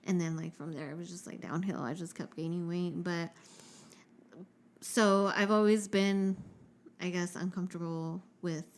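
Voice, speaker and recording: A woman's voice: on the low side, steady tone, moderate pace. Frank, swearing young woman chatting. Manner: frank and profane, heavy use of "like"; mixes in Spanish words. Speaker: podcast co-host. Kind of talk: casual chat.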